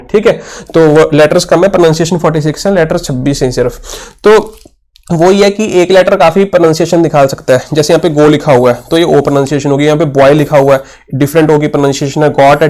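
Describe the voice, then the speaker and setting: A man's voice: a little high, a little mellow. A young man teaching English for an exam, patiently explaining answers and asking and answering his own questions. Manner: mixes Hindi with English terms, reads questions slowly. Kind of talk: exam-prep lesson, solving questions aloud.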